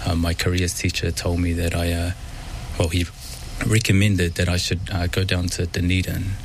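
Deep, flat-voiced New Zealand man. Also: a little hiss or hum. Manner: halting, thoughtful, many pauses. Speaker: dentist, studio guest. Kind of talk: radio interview. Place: radio studio.

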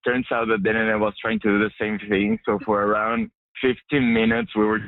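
A man's voice: on the low side, fairly even intonation, moderate pace, dry recording. A young man from Mexico, a journalism student, answering radio interview questions with many fillers and restarts. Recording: dry, tinny phone-like line.

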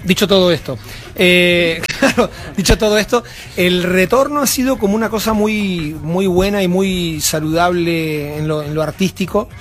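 Backstage at a music venue, a band member from Uruguay chats casually in an interview, rambling with many fillers and restarts in his Uruguayan Spanish accent. His voice is high-pitched and he speaks at normal speed.

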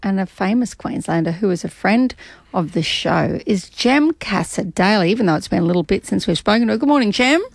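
A woman's voice: mid-range voice, expressive, a little fast, vocal fry, no echo. Australian woman, radio co-host, enthusiastic, dry studio mic. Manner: gushing, enthusiastic. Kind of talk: breakfast radio banter.

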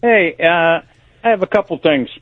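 A man in his seventies calling in to a radio show over a phone line, talking in a halting way with repeated words and restarts. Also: fairly high pitch, dry recording. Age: 70s. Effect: caller heard over a phone line on a radio show. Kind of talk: casual call-in chat.

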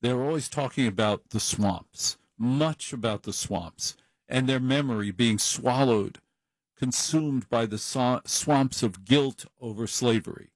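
The audio quality is poor, though there's no echo. A middle-aged man at medium pitch and a measured pace hosts an overnight call-in radio show, delivering a casual, rambling monologue with plenty of self-mockery into a studio microphone.

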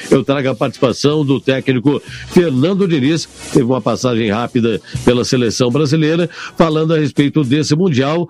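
A Brazilian man with a smooth, velvety voice delivering a football report on the radio. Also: mid-range voice, darkish tone.

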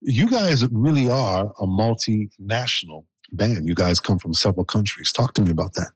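A man's voice: lowish voice, expressive, moderate pace, slightly rough, no room sound, poor audio. Playful, joking male interview host. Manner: joking, teasing, upbeat.

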